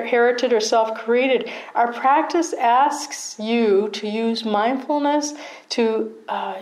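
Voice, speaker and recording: A woman's voice: fairly high pitch, darkish tone, low-quality recording. Middle-aged woman giving a dharma talk. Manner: conversational, checks in with "right?", laughs at herself. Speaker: meditation teacher.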